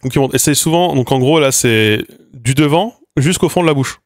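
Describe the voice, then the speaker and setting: A man's voice: medium pitch, moderate pace, dry recording, studio quality. A man giving a casual phonetics lesson on stream, hesitant with many fillers and restarts, sounding out consonants as he explains them. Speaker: linguistics streamer.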